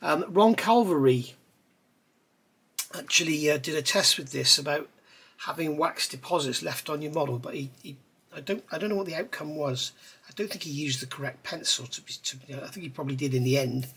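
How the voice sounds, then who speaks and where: Working on a scale model at an indoor hobby bench, a middle-aged man talks through each step, captured by an overhead camera. His voice is fairly high and slightly rough, a little fast, and his manner is easygoing and rambling.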